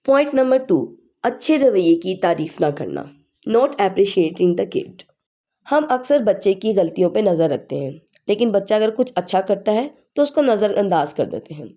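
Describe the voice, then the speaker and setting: A woman speaks in a mellow, warm voice that sounds a little heavy and hoarse from a sore throat. She talks at a middle pitch, giving calm, explanatory parenting advice point by point, as in a home vlog. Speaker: parenting vlogger.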